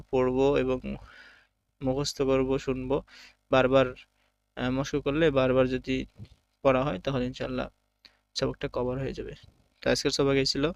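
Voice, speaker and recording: Man teaching Arabic letters, gravelly and flat. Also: mid-range voice, no echo. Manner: patient teaching, drawing out each letter sound loudly. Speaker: Quran teacher. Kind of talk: online Quran alphabet lesson.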